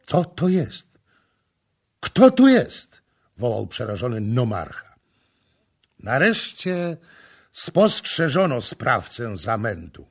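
A man's voice: mid-range voice, slightly rough. A man reading a novel aloud as an audiobook narrator, with dramatic, shifting delivery. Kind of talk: scripted literary narration.

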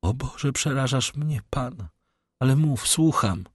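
A man voicing a frightened, anguished middle-aged noblewoman in an audiobook, in a high, pleading, trembling voice. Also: animated, unhurried, husky, dry recording, studio quality. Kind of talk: audiobook character reading.

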